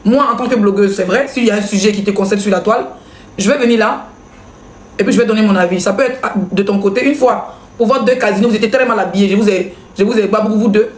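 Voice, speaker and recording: A woman's voice: medium pitch, reverberant. A woman blogger, hosting a live stream and commenting in a mocking, laughing way. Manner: mocking, laughing, rapid back-and-forth with viewers.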